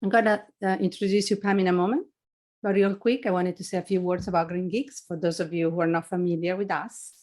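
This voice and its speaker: A woman's voice: fairly low pitch, fairly even intonation, brisk, darkish tone. A woman hosting a company webinar, introducing the guest and running through housekeeping notes in a friendly way over a video call. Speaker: webinar host.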